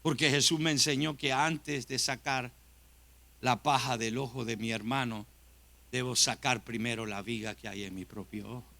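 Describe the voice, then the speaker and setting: A man's voice: medium pitch, steady tone, moderate pace, gravelly, bright, forceful tone. A man, a pastor, preaching a sermon with impassioned emphasis and direct questions to his congregation, in a church.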